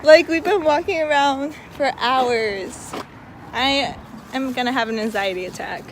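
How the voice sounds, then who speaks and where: A woman's voice: high voice, a little slow. A young woman vlogging while walking outdoors in a city, giggly and dramatic, exclaiming often. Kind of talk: casual vlog chat. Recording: noisy outdoor street recording. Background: street and traffic noise.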